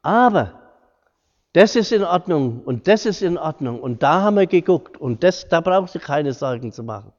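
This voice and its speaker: A middle-aged man gives an informal lecture, earnest and homely, slipping into the voices of the people he quotes. His voice sits fairly high for a man. The recording is dull and lo-fi, with a long echo from a hall. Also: expressive, normal speed, darkish tone. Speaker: hospital carer giving a talk. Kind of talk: informal lecture with personal stories. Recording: echoey hall, dull lo-fi sound.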